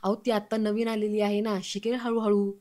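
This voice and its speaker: A woman voicing a patient woman of the house who tries to calm an angry elder in a serial recap. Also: mid-range voice, normal speed, natural voice. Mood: placating. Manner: pleading, placating.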